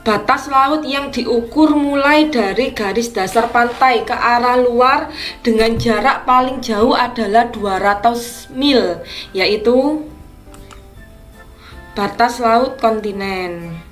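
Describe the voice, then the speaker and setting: Speaking in a slightly high voice with faint music behind her, a woman teacher works through practice exam questions, explaining each answer slowly and deliberately.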